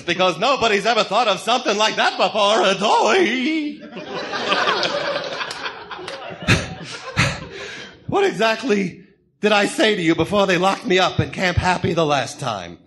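A man's voice: high voice, animated, normal speed, fairly bright tone. A man playing a manic, sadistic clown supervillain in a comic-book radio drama, taunting theatrically with a cackling, sing-song menace. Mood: scornful rant. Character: manic, gleefully sadistic male clown supervillain, mocking gangster.

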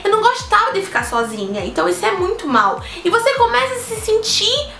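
This eighteen-year-old vlogger's voice is extremely high, very animated, creaky, pushed and bright, and she talks a little fast. She earnestly tells a personal story, addressing her viewers directly over a roomy echo with faint music.

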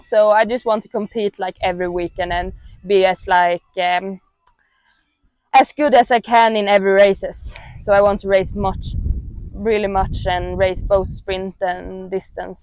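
A young woman with a Swedish accent answers interview questions in a relaxed, halting way, leaning on fillers as she talks. She is outdoors in a mountain meadow, and her lapel mic gives a dry, close sound with no reverb. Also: mid-range voice. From Sweden. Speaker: athlete interviewee.

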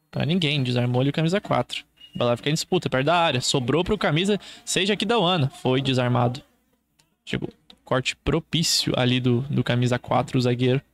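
A man with a Brazilian accent doing live football play-by-play as a commentator, in short clipped running phrases. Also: mid-range voice.

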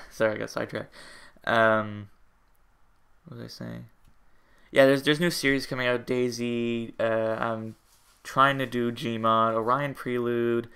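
A young man talks through a casual update on his gaming channel from home. His voice is bright and crisp, and he rambles with frequent fillers, self-corrections and half-finished sentences. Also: medium pitch. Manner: rambling, hesitant, many fillers and restarts.

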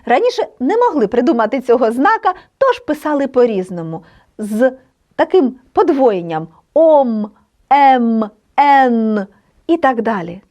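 A woman teaching a language lesson online, explaining patiently and sounding out letters and words clearly. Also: fairly high pitch, very animated, moderate pace, a little mellow.

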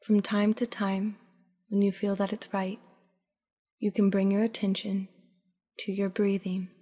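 Narrating a guided sleep meditation as though telling a sleep story, this woman sounds gentle, calm and slow, with breathy endings to her phrases. Her pitch is medium, and the recording leaves a long reverb tail on her voice.

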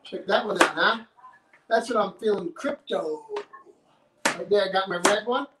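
A man's voice: high voice, normal speed. A man clowning around and teasing as co-host of a casual home cooking video. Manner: goofy, teasing, show-off. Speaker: co-host, partner. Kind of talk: joking casual chat. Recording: echoey, distant, noisy.

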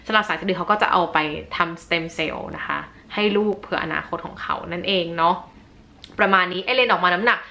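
Woman vlogger, a new mother: bright, chatty, polite delivery straight to camera. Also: on the low side, brisk. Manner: chatty, polite, mixes in English words. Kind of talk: casual chat to camera.

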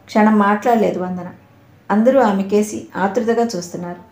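A woman reading a suspense novel aloud as a steady storyteller, in a roomy echo. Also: mid-range voice, moderate pace. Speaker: audio novel narrator. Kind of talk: scripted narration.

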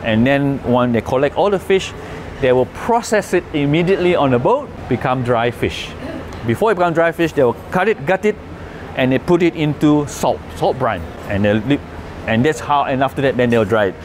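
At a normal pace and in an expressive, mid-range voice, the Malaysian conservation speaker works through his presentation and audience Q&A. His explanations are hesitant, full of restarts. A slight background noise is present.

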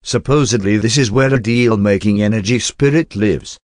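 Man as an earnest low-voiced young prince. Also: normal speed, natural voice. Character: earnest runaway young prince seeking power. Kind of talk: cartoon skit dialogue. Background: loud music.

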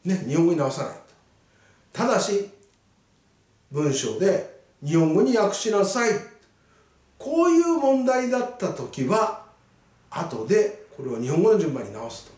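A male English teacher reads short sentences slowly and then explains them with a lively, swinging voice. His voice sits a little high, and he sounds set back from the mic in an echoey room. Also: recorded from a distance. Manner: slow, deliberate reading of English sentences; animated explaining with frequent "ne" tags. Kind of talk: spoken English lesson.

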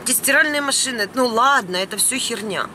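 Bright and forceful, a slightly high voice belongs to a Ukrainian vlogger ranting indignantly in an unscripted video inside a van. She speaks fairly quickly and expressively, bluntly and emphatically with mild swearing, recorded by a camera about arm's length away amid noisy vehicle-cabin sound.

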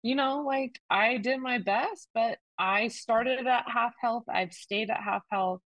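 A woman speaking slowly as she plays a tabletop game. She thinks aloud with plenty of fillers and sounds hesitant. The sound is dry and close. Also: on the high side, a bit bright, no echo, poor audio. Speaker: player. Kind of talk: tabletop game play, casual.

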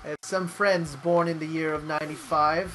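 A man's voice: fairly high pitch, fairly even intonation, moderate pace, pushed and bright, a little hiss or hum. Rambling man playing a game. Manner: rambling, reminiscing, curses at mistakes. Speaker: let's play co-host, player. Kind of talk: casual gaming commentary. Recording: music playing behind.

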